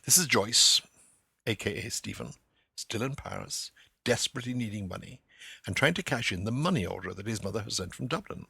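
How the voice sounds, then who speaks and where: Lively, gravelly man lecturing on literature. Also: lowish voice, brisk, no room sound. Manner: animated, bursts into loud acted quotations. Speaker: podcast host.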